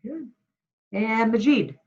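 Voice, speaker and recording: A course instructor calls on students one by one during an online class roll call, heard through a video-call microphone. Her voice is on the high side, slow and somewhat dark in tone, with the highs cut off.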